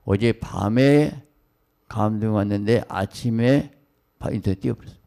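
Low gravelly excitable Korean pastor. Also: male voice. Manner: excitable, rapid-fire exclamations and asides; hurried, fragmented preaching. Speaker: senior pastor. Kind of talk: dawn prayer sermon.

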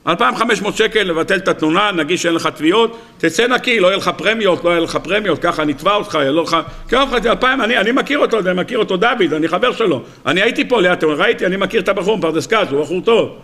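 A man voicing a smooth-talking male street hustler who pushes a quick deal in a fast, wheedling pitch. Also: animated, pushed and bright, exaggerated voice.

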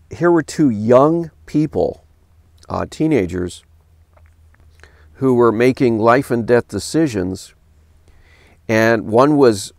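A man's voice: creaky, dry recording, clean studio sound. A middle-aged man, a pastor, reading a news article aloud and stopping to question it in an earnest voice, at a desk in a home office. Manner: earnest, questioning, reads quotes in a lower flat tone. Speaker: pastor commentator.

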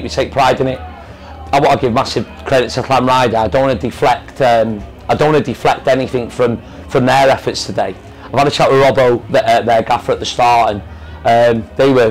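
A football manager gives a candid post-match interview. He speaks at an ordinary mid pitch and keeps stopping to restart his sentences with fillers. It is recorded indoors in front of a club sponsor board. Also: poor audio.

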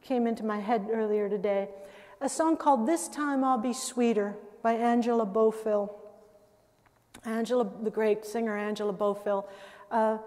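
An older woman lectures about listening to music in a loose, chatty way, laughing and breaking off mid-thought. Her voice is mellow and sits a little high. The long reverb of a large lecture hall trails after her words. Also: steady tone, normal speed. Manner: conversational, with laughs and self-interruptions. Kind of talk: public lecture.

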